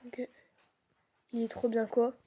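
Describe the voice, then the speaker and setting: A woman's voice: fairly high pitch, monotone, slow, mellow, husky. A woman streaming a horror game, chatting casually and slangily as she reacts to the game with a partner.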